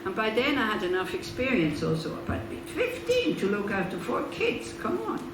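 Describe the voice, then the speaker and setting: A Swiss Buddhist nun gives an informal teaching talk in a medium-pitched voice that swoops wildly up and down, speaking at a normal speed. She's chatty, with laughing asides and rhetorical questions. The recording is roomy and distant, with background noise.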